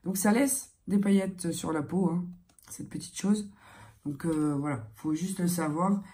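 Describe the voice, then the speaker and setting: Young woman, lowish soft-edged dark voice, swollen-tonsils thickness, congested and strained, casual beauty vlog chat, halting delivery. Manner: hesitant, halting, searching for words. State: sore throat from tonsillitis, voice sounds strained and altered. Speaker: beauty vlogger. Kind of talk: casual chatty get-ready-with-me vlog.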